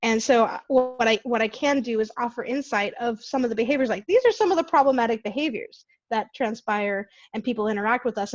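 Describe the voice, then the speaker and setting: Woman from california on a video call, kinda high voice, lively storytelling, muffled lo-fi sound. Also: dry recording. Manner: animated storytelling, laughs often. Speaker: guest speaker. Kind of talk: casual online Q&A talk.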